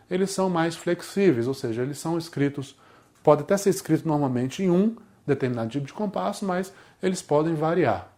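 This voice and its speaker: A man's voice: a little high, mellow. A man with a Brazilian Portuguese accent teaching a music theory lesson, explaining step by step and often checking in with his students.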